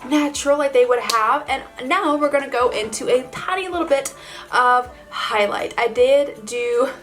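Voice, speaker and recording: A woman's voice: high voice, normal speed, fairly bright tone, faint music behind. A woman vlogger talking casually to her viewers in a bubbly, gushing, informal way, as in a makeup tutorial. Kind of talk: casual chatty vlog tutorial addressed to viewers.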